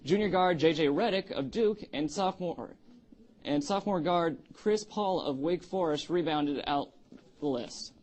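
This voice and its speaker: A man reading sports news as an anchor, nervous and stumbling through the script with halting delivery. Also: fairly high pitch, a little mellow, low-quality recording.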